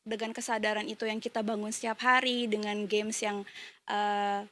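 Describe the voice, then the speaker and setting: A woman's voice: mid-range voice, flat delivery, moderate pace, fairly bright tone. A woman who teaches primary school, telling a story in a casual interview with many hesitant fillers.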